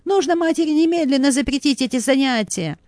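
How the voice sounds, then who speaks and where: A woman's voice: high-pitched, lively intonation, brisk, a little mellow, no echo, studio quality, pitched above the performer's own voice. Woman doing a curt, bossy grown son. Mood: irritated, scolding. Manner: scolding, curt. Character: irritable adult son, bossy, alarmed.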